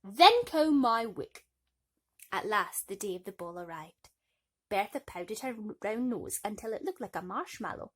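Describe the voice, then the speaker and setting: A woman with a medium-pitched, slightly breathy voice reads children's bedtime stories expressively. She adds playful, nurturing asides to her young listeners.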